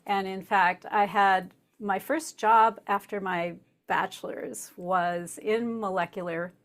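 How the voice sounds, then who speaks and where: A woman, usually the host, answering interview questions in a relaxed way, laughing easily and explaining with asides. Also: mid-range voice, slow pace. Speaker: podcast host as guest.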